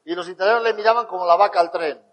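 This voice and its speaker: High-voiced Spanish man telling stories. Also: rapid-fire, long reverb tail, poor audio. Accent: Spain Spanish. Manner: animated, acts out dialogue in his stories. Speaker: motivational speaker. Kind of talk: motivational storytelling talk.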